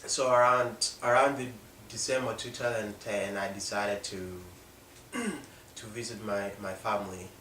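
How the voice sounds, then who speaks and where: Speaking off the cuff, a young South Sudanese-accented man with a low, slightly bright voice recounts his own story, halting and often breaking off mid-sentence. The mic sits at a distance in an echoey room, with faint noise.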